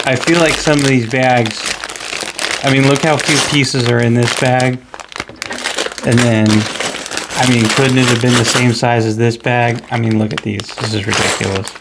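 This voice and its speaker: Gravelly guy chatting slow and opinionated, loud plastic bag crinkling behind him. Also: mid-range voice, very noisy. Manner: opinionated, rambling, counting pieces aloud. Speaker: hobby vlogger. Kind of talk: casual rambling commentary while building a set. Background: crumpling bags and shuffling pieces.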